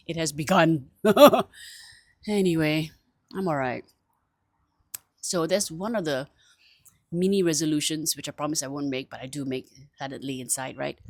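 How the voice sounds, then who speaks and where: A low-pitched woman chats to camera in a lively, self-mocking way, breaking into laughter often. Her voice sounds dry and close, with no room echo. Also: moderate pace, long pauses. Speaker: vlogger. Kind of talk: casual chat to camera.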